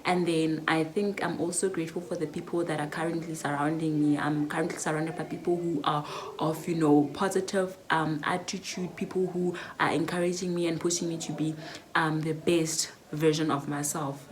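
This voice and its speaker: A nineteen-year-old South African woman, a YouTuber, chats reflectively through a casual Q&A vlog, using lots of fillers. Her voice is low and flat at a moderate pace, and the recording quality is poor.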